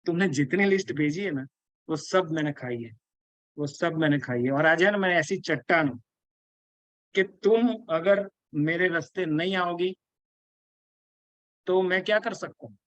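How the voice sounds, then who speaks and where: A man's voice: a little high, unhurried, pauses often, fairly bright tone, no echo. A man giving an earnest spiritual lecture, repeating himself and checking that his listeners follow. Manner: repetitive, keeps checking in with listeners; earnest, insistent. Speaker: spiritual teacher. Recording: dull, lo-fi, dry sound.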